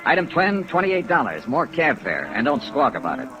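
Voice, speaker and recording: An American man plays the lead and narrator of a 1950s detective radio serial, a brisk, wry insurance investigator recounting his case in clipped, dry, businesslike narration. His voice is on the high side with wildly swooping pitch at a normal speed. The low-quality vintage radio recording includes rain and music.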